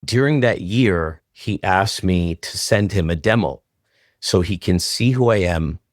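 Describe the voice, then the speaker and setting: A man's voice: low-pitched, a little slow, no room sound, clean studio sound. A man, a guest choreographer telling stories casually and acting out what people said. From Toronto, Canada. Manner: animated, acts out quoted dialogue in different voices. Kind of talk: casual storytelling interview.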